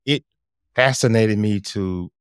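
A man with a low, magnetic voice, speaking as a podcast guest and coach in an animated, emphatic conversational storytelling style. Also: takes it slowly, clear, resonant tone, no room sound, clean studio sound.

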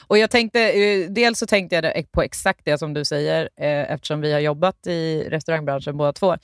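A young adult podcast co-host in casual chat, animated, cursing casually and laughing. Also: medium pitch, clean tone, dry recording, studio quality. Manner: animated, swears and laughs while talking.

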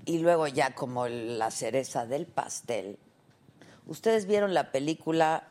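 Slow-talking Mexican woman host. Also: extremely low pitch, expressive, a little mellow. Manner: chatty, playful, slangy. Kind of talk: live talk show hosting.

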